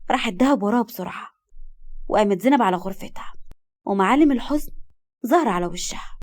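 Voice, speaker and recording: A woman with an Egyptian accent narrating a romance story in a steady, even way. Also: medium pitch, fast.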